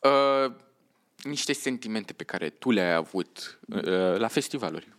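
A woman's voice: very deep voice, animated. A young woman co-hosting a casual podcast, asking prompting questions and adding teasing asides. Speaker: podcast co-host. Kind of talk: casual chat.

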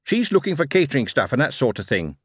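A man voicing a brisk young male railway recruiter who talks in cheery slang. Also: medium pitch, big pitch swings, husky, no room sound, clean studio sound, voice pushed up.

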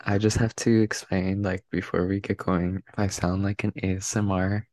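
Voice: low voice, flat delivery, normal speed, dry recording. A young adult podcast co-host, chatting casually and keeping the voice down. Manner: hushed, talks quietly so as not to wake others. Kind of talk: casual chat.

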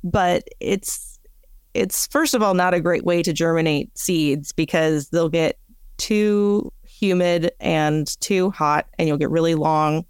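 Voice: mid-range voice, smooth, no echo, studio quality. A podcast co-host in casual chat, explaining things plainly and matter-of-factly.

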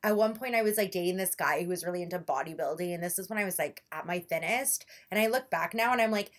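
A woman's voice: on the low side, fast talker. A woman in her thirties, a guest speaking candidly in a casual chat, with frequent "like" fillers. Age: 30s. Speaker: interview guest.

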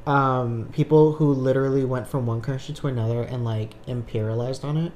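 Mid-pitched, hesitant podcast host. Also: fairly even intonation, fairly quick, darkish tone, slight background noise. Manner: hesitant, with frequent restarts and asides. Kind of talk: casual chat.

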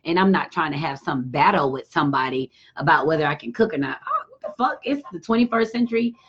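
A middle-aged woman, hosting a live talk show and telling a frank, profane story with lively quoted voices. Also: low-pitched, fast, breathy edge. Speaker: show host. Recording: dull lo-fi sound.

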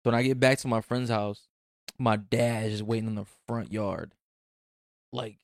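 A man's voice: fairly low pitch, fairly even intonation, normal speed, gravelly, dry recording, clean studio sound. A young man chatting casually with friends and telling stories in slangy, profane language. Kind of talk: casual chat, storytelling among friends.

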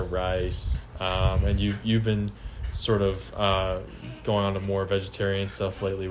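A man's voice: fairly low pitch, a little hiss or hum. A man in his twenties answering interview questions at home, hesitant, with many ums and restarts. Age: 20s. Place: home apartment.

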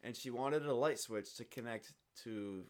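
Animated man telling a work story. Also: medium pitch, unhurried. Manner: animated, swearing, acts out quotes loudly. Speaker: podcast co-host. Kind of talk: casual chat, storytelling.

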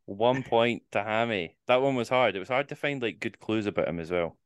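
A man's voice: on the low side, fairly quick, clear, resonant tone, no room sound, studio quality. A man with a Scottish accent hosting a casual quiz podcast, teasing the players and reading the clues in the first person. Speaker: quizmaster.

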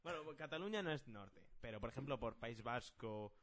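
A man's voice: medium pitch, expressive, brisk, crowd noise. A man co-hosting a podcast, steering the conversation in a matter-of-fact way. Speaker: podcast co-host. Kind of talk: casual chat.

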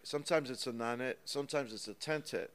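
Man, guest musician, lively storyteller, mid-pitched, studio interview. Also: brisk. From United States. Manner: lively storyteller, counts rhythms aloud. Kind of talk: casual interview. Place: small recording studio. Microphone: studio microphone.

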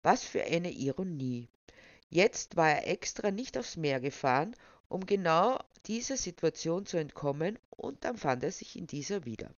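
A storyteller reading a humorous story aloud in a steady, wry manner. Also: medium pitch, normal speed, no room sound. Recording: dull lo-fi dry recording.

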